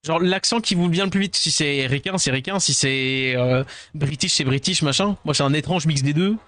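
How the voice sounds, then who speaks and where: A rambling, self-deprecating streamer from France who sounds tired. He chats casually with his viewers and slips English words into his talk. His voice sits fairly high, and the sound is dry and close. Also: moderate pace, fairly bright tone, no room sound.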